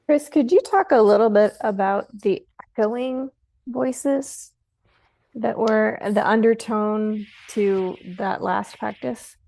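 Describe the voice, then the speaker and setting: A woman joining a video call as a participant, asking a question slowly. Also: mid-range voice, creaky, a little mellow, rough recording.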